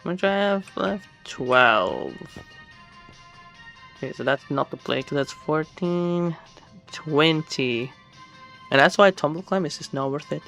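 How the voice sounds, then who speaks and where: A man with a sharp voice on the high side chats his way through a solo game stream, rambling and frequently correcting himself. Game music plays under his voice.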